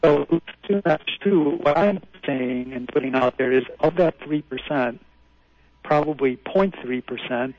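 A man's voice: medium pitch, dry recording. A man calling in to a radio show over the phone, laying out his view earnestly and insistently. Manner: earnest, insistent, explaining a theory. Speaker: radio call-in caller. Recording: dry, muffled phone line.

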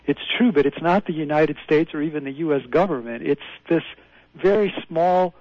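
A gravelly-voiced man heard over a dry, muffled phone line as a radio caller. He talks at a middling pitch, earnest and insistent as he explains his ideas. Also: moderate pace, darkish tone, no room sound.

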